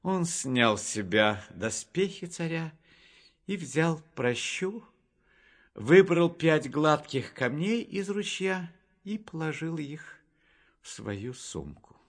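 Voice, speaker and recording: A man narrating a Bible story for a storybook reading in a measured, expressive way. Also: fairly high pitch. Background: faint music.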